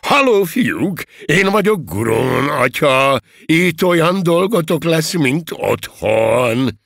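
A man's voice: a little high, big pitch swings, gravelly, fairly bright tone, dry recording, studio quality, pitched above the performer's own voice, full character voice. A man voicing a bullying army sergeant who poses as fatherly and bellows his commands in a shrieking voice. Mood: falsely jovial.

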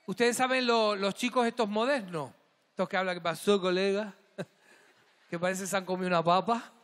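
High, bright-voiced man. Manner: camp, joking, teasing the crowd. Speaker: gala host. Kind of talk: live stage banter with the audience. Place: large hall at a live gala. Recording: echoing hall, crowd noise. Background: audience.

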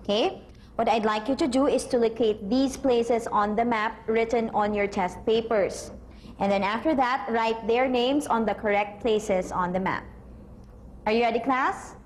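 A woman's voice: fairly high pitch, a little slow, a little hiss or hum, natural voice. A young woman playing a teacher who gives orderly test instructions to a class. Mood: instructing. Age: young adult. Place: classroom set.

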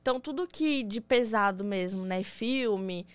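A woman's voice: medium pitch, animated, unhurried, smooth, no echo. A young woman with a Brazilian Portuguese accent, a podcast guest telling her story in casual conversation and acting out the dialogue she quotes.

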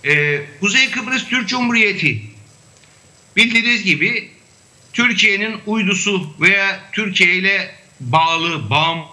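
High, bright-voiced male academic guest. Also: expressive. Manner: measured, hesitant with frequent fillers. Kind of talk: remote panel discussion.

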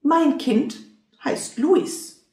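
A woman's voice: high voice, drawn-out words, warm tone, pitched above the performer's own voice, full character voice. A woman voicing a dismissive teddy bear who stammers, reading a storybook aloud. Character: haughty other teddy bear. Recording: roomy echo.

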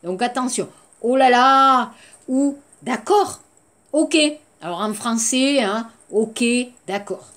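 A woman teaches a beginner French class at an unhurried pace, repeating each word and slipping in short Korean translations. Her voice sits a little high for a woman. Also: animated, a bit bright. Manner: slow, repeats words, mixes in Korean glosses. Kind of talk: language lesson for Korean learners.

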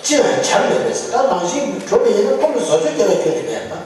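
A man, a Buddhist lama, giving a religious teaching in a loose, halting way with frequent chuckles, recorded from a distance in a large monastery hall. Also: high voice, animated, a little mellow, a little hiss or hum. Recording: echoey hall from far off.

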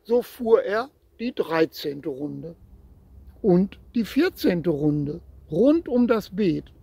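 Slow, gravelly man reading a story. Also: high-pitched, sing-song, no room sound. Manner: gentle, addresses the child listener directly. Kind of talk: reading a children's story aloud.

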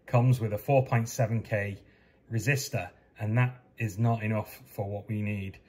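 In his fifties, a DIY sailing electronics presenter walks through a technical tutorial from his basement workshop, repeating each step plainly and methodically. His voice is fairly low and mellow with a breathy edge, recorded on a desk webcam.

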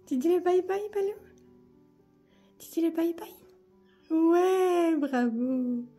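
Lady baby-talking her pets real slow, soft mellow voice, filmed on her phone. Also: very high voice, faint music behind. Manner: cooing, affectionate baby talk to animals. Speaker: pet owner filming her pets. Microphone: phone held in hand.

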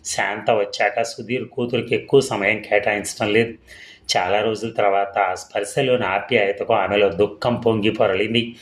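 Man, low voice, storyteller, scripted narration, even measured reading.

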